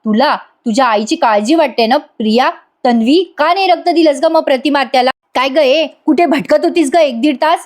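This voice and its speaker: A woman voicing an angry young husband who fires sharp accusing questions. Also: high-pitched, fairly quick, few pauses, pitched above the performer's own voice, lightly acted.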